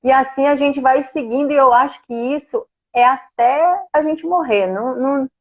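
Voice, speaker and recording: A woman's voice: high voice, normal speed, lo-fi sound. A woman with a Brazilian Portuguese accent, a guest telling a personal story in a heartfelt, emotional way. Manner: heartfelt, emotional, laughs now and then. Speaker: guest sharing a personal experience.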